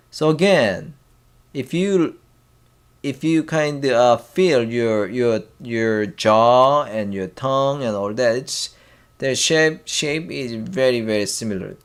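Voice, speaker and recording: A man teaching a language lesson, halting with many fillers and restarts, and sounding out syllables one by one. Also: medium pitch, clean tone.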